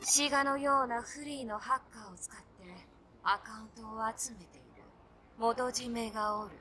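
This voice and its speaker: A woman's voice: fairly high pitch, steady tone, normal speed, sharp tone. A woman voicing a polite but menacing young female hacker in a video game, with a Kyoto Japanese accent and old-fashioned courtly phrasing. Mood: composed, businesslike. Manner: genteel Kyoto dialect with archaic courtesan-style phrasing.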